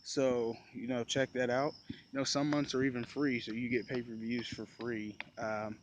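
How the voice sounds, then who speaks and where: A man's voice: medium pitch, little pitch movement, moderate pace, dull audio, slight background noise. Casual rambling man vlogging. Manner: loose, rambling, filler-heavy. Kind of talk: casual recap talk.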